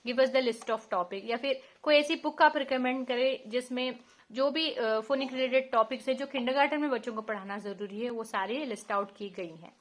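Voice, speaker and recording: A woman's voice: a little high, fairly bright tone. A woman in her thirties with an Indian accent, walking parents through a children's phonics book and spelling out letter sounds patiently. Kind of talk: teaching walkthrough.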